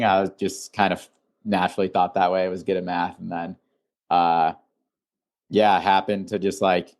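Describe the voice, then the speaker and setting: Young male founder from Illinois, deep-pitched, loose and chatty in conversation. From Illinois, USA. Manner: relaxed, rambling, many "like" fillers. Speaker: founder and guest. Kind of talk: casual interview.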